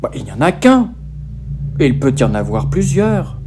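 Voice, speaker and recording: A man's voice: on the high side, very animated, moderate pace, noisy background. A man voicing naive country boys answering catechism questions, hesitant and rustic in speech. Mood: eager, flustered.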